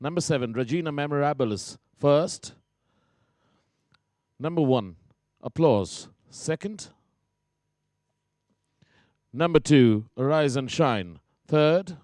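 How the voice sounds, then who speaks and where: Man announcing over loudspeakers. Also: on the high side, animated, dry recording, studio quality. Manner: slow, measured, calling out each item separately. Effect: heard through loudspeakers at a distance. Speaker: racecourse public address announcer. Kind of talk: formal public announcements.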